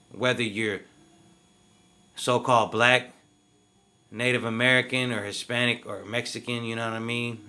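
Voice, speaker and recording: A man's voice: medium pitch, bright, forceful tone. A man giving casual, slangy video commentary in an emphatic way, often asking "you feel me".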